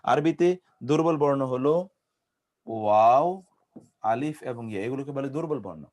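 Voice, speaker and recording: A man's voice: medium pitch, moderate pace, a little mellow. A man with a Bangladeshi accent teaching an Arabic grammar class. He spells out verb forms syllable by syllable and quizzes his students. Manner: drills conjugations, syllable by syllable, with quiz questions to the class. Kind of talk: classroom lecture.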